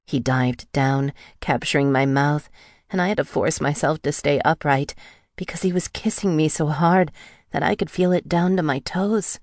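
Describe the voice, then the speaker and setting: Brief: a woman, deep-toned, intimate and breathy, reading a romance audiobook dry and close. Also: normal speed, no echo. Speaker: audiobook narrator. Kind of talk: first-person romance audiobook narration.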